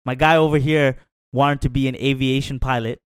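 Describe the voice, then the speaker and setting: A man's voice: mid-range voice, fairly even intonation, normal speed, clear, resonant tone, no room sound, studio quality. A man on a sports talk panel, speaking with confidence, trash-talking the other team and often tagging on "right?".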